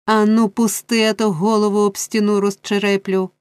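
A woman doing a gruff brutal robber. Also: medium pitch, flat delivery, moderate pace, a little mellow, no room sound, studio quality, close to an everyday voice. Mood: angry threats. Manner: gruff, threatening. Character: brutal adult male robber, rough and threatening.

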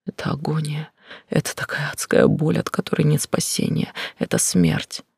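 A man narrating a first-person novel in a quiet, intense, often whispered delivery. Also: a little high, huge pitch swings, moderate pace, creaky, husky, dry recording, studio quality. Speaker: audiobook narrator.

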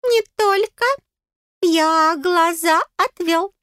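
A woman voicing a tiny male fairy in an audiobook, squeaky, pompous and greedy, with a bossy, indignant manner. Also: very slow, fairly bright tone, no echo, clean studio sound, heavily acted. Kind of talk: audiobook character voice.

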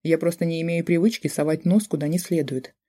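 Grumpy blunt old dad, slow and curt, narrator doing him, mellow voice. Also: medium pitch, fairly even intonation, lightly acted. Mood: gruff. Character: gruff blunt older father.

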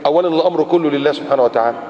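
A man with an Egyptian Arabic accent preaching a colloquial sermon, animated and acting out everyday speech. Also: on the high side, rapid-fire, slight background noise. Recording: muffled lecture-hall recording with long reverb.

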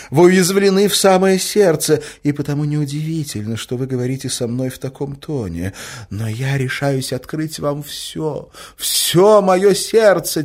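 A scheming middle-aged lady coaxes and reproaches in a soft, honeyed voice, as a male narrator puts her on. Her pitch sits well above his own while her volume stays gentle. The sweetness covers a clear calculation.

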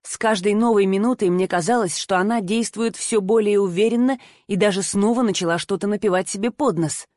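Woman narrator for a first-person story read, expressive, mid-pitched, dry close recording. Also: fairly quick, hardly any pauses, no echo. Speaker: audiobook narrator.

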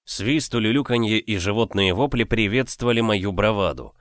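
Brief: male audiobook reader, lowish voice, dry close sound. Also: no room sound. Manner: measured, expressive reading. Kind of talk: first-person novel narration.

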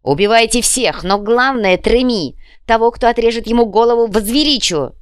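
A woman's voice: on the high side, normal speed, smooth, no room sound, studio quality, pitched above the performer's own voice, close to an everyday voice. A woman voicing a fierce male vampire clan leader who roars battle commands at his warriors.

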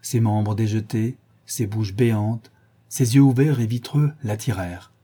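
A man in scripted audiobook narration, reading a classic novel in a measured way. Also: fairly low pitch, warm tone, slightly rough.

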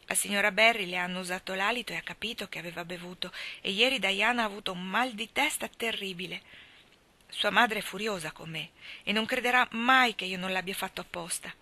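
A dramatic, emotional orphan girl, as a woman reader puts her on, pouring out every feeling in a theatrical, impassioned way. Her voice has a bright, forward edge. It is a storybook reading. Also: mid-range voice, brisk. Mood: distressed.

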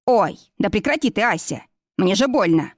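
A joking, fussy middle-aged man, a pathologist, who drags his words out slowly, read by a woman narrator. the recording is dry and close, storybook style. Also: medium pitch, lively intonation, no echo, natural voice.

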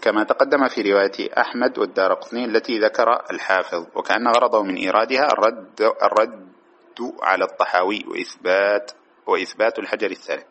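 A man's voice: fairly low pitch, steady tone, a bit bright. A man teaching a classroom lesson, reading a text aloud and explaining it, often checking with his students. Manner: fast, checks understanding with asides to students. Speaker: teacher of hadith commentary.

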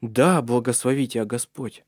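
A man's voice: mid-range voice, normal speed, no room sound, clean studio sound, close to an everyday voice. A man voicing an earnest, protective young nobleman in love in an audiobook.

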